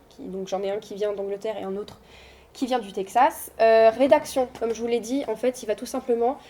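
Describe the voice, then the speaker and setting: Chatty young woman presenting, mellow tone. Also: mid-range voice, a little hiss or hum. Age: young adult. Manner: chatty, hesitant with many fillers, reassuring. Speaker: student giving a talk to high schoolers. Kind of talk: informal presentation. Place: high school room, before an audience.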